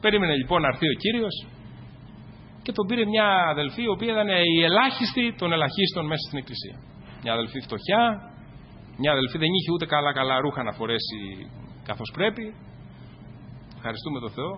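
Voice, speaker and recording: A man preaching a sermon to his congregation, rising to loud exclamations and dropping to quiet asides. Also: a little high, animated, long pauses. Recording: dull, echoey hall with faint noise.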